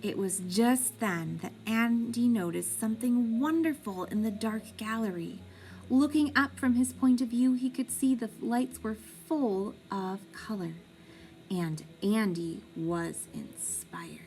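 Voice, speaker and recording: Over soft background music on a low-quality recording, a woman with a somewhat high voice reads a picture book to children. She's expressive and deliberate, much like a teacher reading to young pupils.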